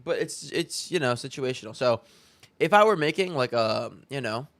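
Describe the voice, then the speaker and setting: A man's voice: medium pitch, expressive, moderate pace, a bit bright. Young male streamer, offhand reaction chatter, swears casually. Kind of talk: casual live-stream commentary.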